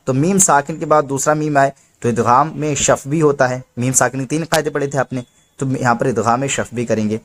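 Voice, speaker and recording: A man's voice: mid-range voice, a little hiss or hum. A man teaching Quran reading step by step, patiently explaining each rule and drawing out the letter names as he recites them.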